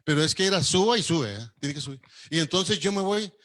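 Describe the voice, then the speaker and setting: A man preaching, telling a personal testimony as a lively story and acting out the dialogue. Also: fairly high pitch, a little fast. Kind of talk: sermon testimony.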